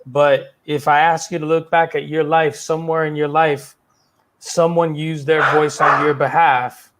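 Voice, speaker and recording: A man's voice: fairly high pitch, level tone, unhurried, a bit bright, slight background noise. Earnest, rousing male guest. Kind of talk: casual chat.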